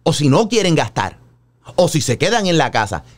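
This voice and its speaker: A Puerto Rican man hosting a radio call-in show, giving animated, joking, colloquial opinions. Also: on the high side, normal speed.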